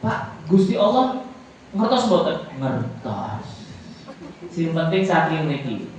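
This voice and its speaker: Man, islamic teacher, demonstrates letter sounds, slow, fairly high voice. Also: big pitch swings, a little mellow, slight background noise. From Jakarta, Indonesia. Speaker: Islamic teacher at a boarding school. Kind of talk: religious lesson to villagers. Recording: very echoey hall, distant mic, faint ambience.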